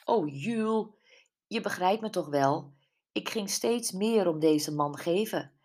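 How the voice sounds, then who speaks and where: A woman's voice: on the low side, expressive, slow, darkish tone. A woman voicing Brenda, a candid, self-mocking friend, in an audiobook. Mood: rueful. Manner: wry, emotional, tearful at times. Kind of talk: audiobook character voice.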